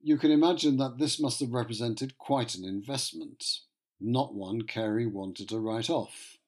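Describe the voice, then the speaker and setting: A man's voice: medium pitch, a little slow. Wry male history narrator. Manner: wry, conversational storytelling with asides. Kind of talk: scripted narration.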